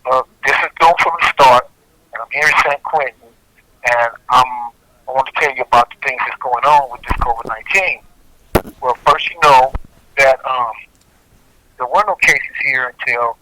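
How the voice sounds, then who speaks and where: A man's voice: medium pitch, bright, forceful tone, no echo. A man on death row talking over a prison phone call, rambling and circling back with lots of fillers. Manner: rambling, repeats himself, many fillers. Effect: heard over a prison phone call. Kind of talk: recorded phone testimony. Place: prison cell block.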